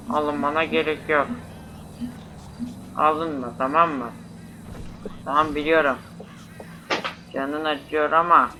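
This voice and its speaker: A man's voice: on the high side, background noise. A man playing a boastful, dismissive father who lectures and soothes his son, in an amateur short film. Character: boastful middle-aged father, calm and dismissive.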